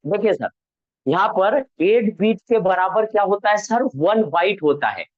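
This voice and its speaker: High-voiced man teaching an online class. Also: lively intonation, unhurried, phone-quality sound. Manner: repeats questions to students, answers them himself, corrects own slips. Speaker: networking instructor.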